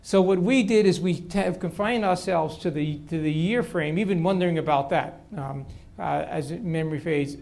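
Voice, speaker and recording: A man's voice: on the high side, normal speed, creaky, hardly any pauses, a little mellow. An older man, a political science professor, answering audience questions at length in a lecture hall, with frequent restarts. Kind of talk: university lecture Q&A.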